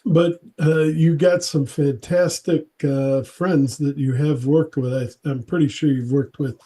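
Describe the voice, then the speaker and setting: Rambling male interview host, mellow voice. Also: on the high side, steady tone, a little slow, breathy edge. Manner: rambling, many fillers and restarts. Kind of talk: casual interview chat.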